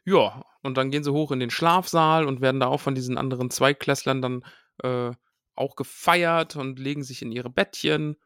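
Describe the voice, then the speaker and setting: A man's voice: medium pitch, fairly even intonation, moderate pace, fairly bright tone, smooth, no room sound, studio quality. A man co-hosting a casual podcast, easygoing, retelling a chapter and reading quotes aloud. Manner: easygoing, reads quotes aloud, frequent fillers. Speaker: podcast co-host. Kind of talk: casual chat about a book chapter.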